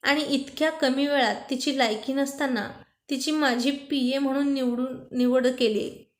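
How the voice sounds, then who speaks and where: A woman voicing a quick-tempered young wife who scolds her husband. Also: sits high, steady tone. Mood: accusing. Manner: indignant, scolding.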